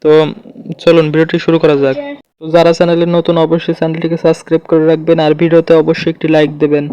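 A man with a fairly high, clear and resonant voice hosts a casual tutorial, walking through each step and pointing things out while leaning on the same filler phrases. The recording is close, dry and lo-fi, with a slightly dull sound.

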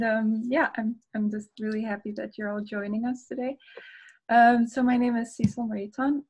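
A woman in her thirties from Denmark, an artist hosting a reading group, welcoming people on a video call in a friendly, measured way with frequent ums. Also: on the high side, darkish tone, poor audio. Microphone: laptop mic on a video call.

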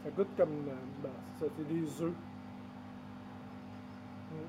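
A man with a Quebec French accent chats to camera while chewing with his mouth full, slow and unhurried. His voice sits a little high. A steady noise hums under the recording. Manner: hesitant, thinking aloud with fillers. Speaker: vlogger. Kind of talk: casual vlog talk to camera.

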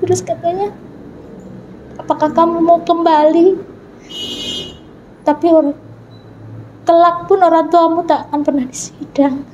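Woman, high pitch, mellow tone, earnest storytelling, faint background hiss. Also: steady tone, a little slow, pauses often, highs cut off. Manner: earnest storytelling, acting out quoted dialogue. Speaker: guest telling her conversion story. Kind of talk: personal testimony interview.

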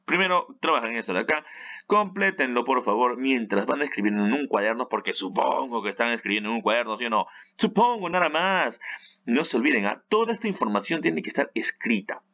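A man's voice: mid-range voice, lively intonation, a little fast, pushed and bright, muffled recording. A man, teaching an online English lesson in a chatty way that keeps checking in with the listener. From Peru. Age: 30s.

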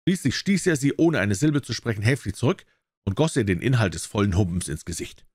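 A man reading a classic tale aloud as an audiobook narrator, with expressive storytelling. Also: fairly low pitch, fairly quick, husky, no echo, studio quality. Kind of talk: scripted narration.

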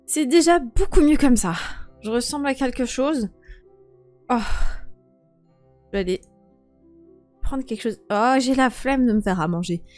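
A woman's voice: high-pitched, unhurried, long pauses, darkish tone, no echo, soft background music. A woman voicing a young woman who has just turned eighteen, stammering and emotional as she talks to herself. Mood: anxious. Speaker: host and role-player. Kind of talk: game role-play voice acting.

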